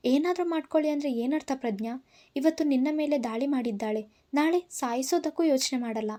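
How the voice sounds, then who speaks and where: A woman's voice: sits high, brisk, dark tone, lightly acted. A woman voicing a hot-tempered young woman who speaks in an indignant, urgent way, in a storybook reading.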